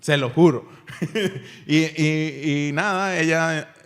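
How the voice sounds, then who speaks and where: A man hosting a casual language-learning podcast, energetic and often laughing. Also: on the high side, takes it slowly. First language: Spanish. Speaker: podcast host.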